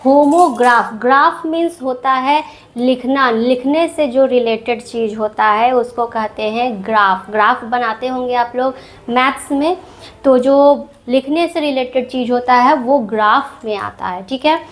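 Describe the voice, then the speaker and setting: Slow, high-voiced Indian woman teaching. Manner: slow, patient classroom explaining with repetition. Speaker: English teacher. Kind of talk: explaining English words in Hindi.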